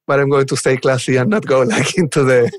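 A Chilean man, a software developer advocate appearing as a podcast guest, answers interview questions in a chatty, enthusiastic, informal way. His voice is medium-pitched and a little fast, with no room sound.

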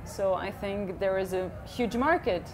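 A woman's voice: medium pitch, a little slow. A woman interviewer asking playful, teasing questions on a lapel mic at an indoor expo. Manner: teasing, laughs between questions. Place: indoor expo hall before a backdrop. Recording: noisy expo hall ambience.

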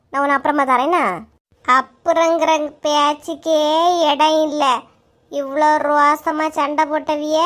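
A woman voicing quarrelsome village women in an animated comedy, speaking with a Kanyakumari Tamil accent in an indignant, bickering manner. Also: sits high. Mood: scolding.

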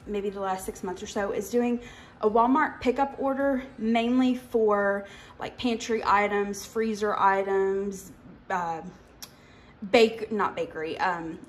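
A woman's voice: mid-range voice, slight background noise, poor audio. A young woman hosting her own cooking channel, chatting casually through a grocery haul in her home kitchen. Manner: chatty, rambling, with fillers and asides.

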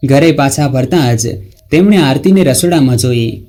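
A man narrating a scripted story in a slow, dramatic reading. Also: mid-range voice, expressive, warm tone.

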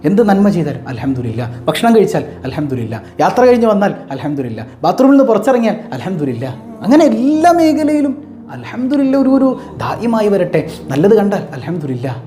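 Male preacher, high mellow voice with faint noise behind, storytelling manner. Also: very animated, brisk. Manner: storytelling, repeats phrases for emphasis. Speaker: Islamic preacher. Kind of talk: motivational religious talk.

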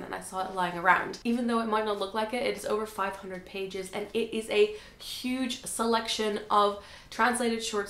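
A woman's voice: medium pitch, a bit bright, echoey room. A young woman, chatting to camera as a book vlogger at home, upbeat and talkative. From the Netherlands. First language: Dutch. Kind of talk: casual chat to camera. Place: home room with bookshelves. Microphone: camera framing, head and shoulders.

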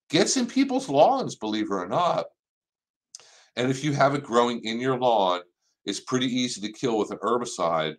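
Relaxed low-voiced older man giving garden advice. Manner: relaxed, conversational, practical advice with fillers. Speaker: extension horticulture host. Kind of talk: live-stream gardening Q&A. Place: office with framed certificates on the wall.

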